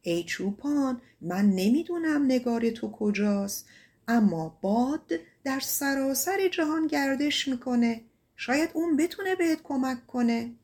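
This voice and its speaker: A woman's voice: high-pitched, animated, darkish tone. The wise moon, as a woman reads it. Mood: calm guiding. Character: wise moon, vizier of the fair ones.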